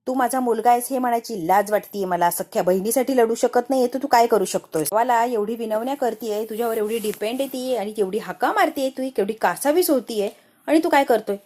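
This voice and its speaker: A woman's voice: fairly high pitch, brisk, warm tone, lightly acted. A woman reading the lines of an angry middle-aged mother scolding her son. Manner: scolding, reproachful.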